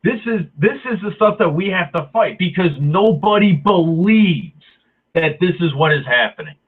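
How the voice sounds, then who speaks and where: A man rants with heat, sarcasm and plenty of swearing, his voice sitting fairly high for a man. The sound is thin and tinny, as if it came through a phone line. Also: expressive, normal speed, husky. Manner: heated, profane, sarcastic. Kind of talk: angry ranting monologue.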